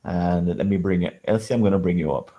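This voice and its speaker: A man facilitating an online workshop, talking briskly and encouragingly and laughing often. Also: deep voice, muffled recording. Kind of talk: casual online workshop hosting.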